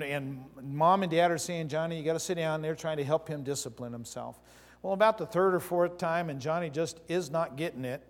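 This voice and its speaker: Male pastor, sermon delivery, emphatic storyteller, reverberant sanctuary sound. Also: on the high side. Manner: storytelling preacher, emphatic, swings from loud to soft. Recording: long hall reverb.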